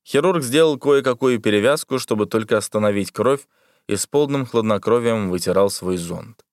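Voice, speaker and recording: A man narrating an audiobook in a steady, measured way. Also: lowish voice, no echo, studio quality. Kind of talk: scripted narration.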